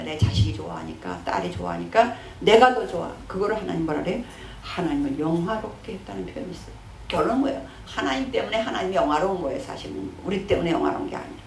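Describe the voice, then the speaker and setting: Woman pastor, middle-aged, chatty sermon full of rhetorical questions, mid-pitched voice, echoing church room, faint hum behind. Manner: conversational preaching with rhetorical questions and everyday examples. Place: church sanctuary. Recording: roomy church hall.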